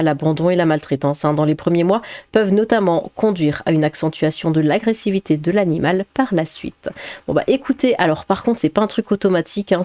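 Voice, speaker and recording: A woman's voice: fairly low pitch, dark tone, no echo. A woman chatting casually as a vlogger, laughing often, with many fillers and restarts. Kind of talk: casual chat, reading a quiz aloud.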